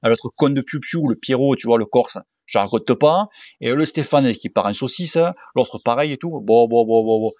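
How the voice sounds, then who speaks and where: A man's voice: medium pitch, moderate pace, darkish tone, dry recording. A man in his forties with a regional French accent, answering viewer questions in a casual vlog, blunt and slangy and swearing freely. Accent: French, southern regional. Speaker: cycling YouTuber and sports coach. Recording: dull dry home recording.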